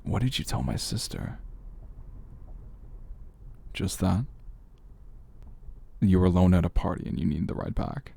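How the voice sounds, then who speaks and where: A man's exaggerated voice, deep, dark and crackly with fry, portrays a confident, flirtatious big brother in an intimate ASMR roleplay. He speaks in a teasing, familiar manner, like someone nearby, and sounds teasing and smug.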